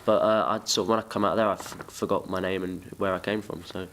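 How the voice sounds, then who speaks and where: A man's voice: sits low, steady tone, quick pace, a bit bright, slight background noise. A young man from England chatting casually in an interview, rambling and self-deprecating. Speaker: musician, interview guest.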